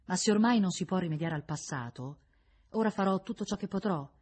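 A woman reading the part of a remorseful young nobleman, speaking stiffly and haltingly, near tears. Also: lowish voice, a little mellow, slightly rough, pitched above the performer's own voice.

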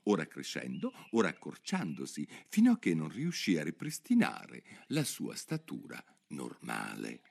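A man narrating a children's storybook aloud with expressive, animated delivery. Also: low-pitched.

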